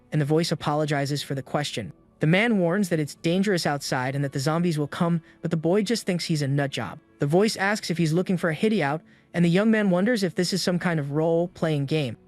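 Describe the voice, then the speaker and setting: A man giving a steady, scripted third-person narration of a comic story recap. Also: fairly high pitch.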